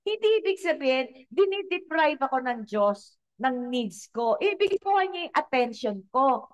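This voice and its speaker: High-voiced woman pastor preaching. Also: sing-song, measured pace. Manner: preaching in Tagalog mixed with English phrases, addressing the congregation directly. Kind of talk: sermon.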